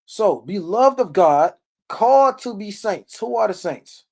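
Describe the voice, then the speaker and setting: High-pitched yet creaky and darkish, this man's voice is animated and measured in pace. He gives a live-streamed, verse-by-verse Bible teaching in an informal, blunt and emphatic way, with salty language and constant brief check-ins and tags.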